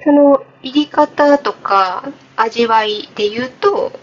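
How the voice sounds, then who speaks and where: A woman's voice: a little high, slow, muffled recording. A woman with a Kansai accent, hosting a casual radio interview over a video call. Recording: video call with faint music.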